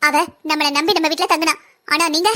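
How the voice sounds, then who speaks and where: A woman's voice: high-pitched, steady tone, a little fast, sharp tone. A woman voicing a firm, righteous young wife in a cartoon, speaking sternly. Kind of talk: cartoon voice acting.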